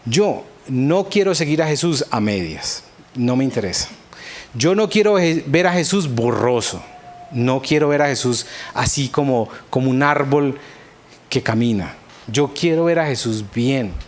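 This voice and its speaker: A man with a Colombian accent preaching a sermon, telling a personal story and acting out his own past prayers with earnest feeling. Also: mid-range voice. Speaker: pastor.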